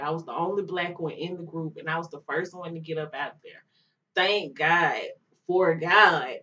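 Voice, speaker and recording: A young woman vlogger telling a storytime vlog in an animated way, mimicking other people's voices as she goes. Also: lowish voice. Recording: distant mic, dull lo-fi sound.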